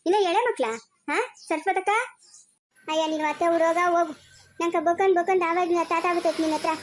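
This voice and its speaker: A woman with a rural Chikkaballapur Kannada accent performs a village comedy skit. Her voice is very high, and she talks quickly in an exasperated, nagging stream of chatter. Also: fairly even intonation, a little hiss or hum.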